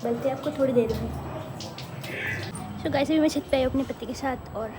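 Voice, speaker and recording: A woman vlogging casually on a handheld phone at home and on the rooftop. She talks fast and rambles chattily. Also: high voice, noisy background. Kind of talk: casual home vlog chat. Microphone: handheld phone camera.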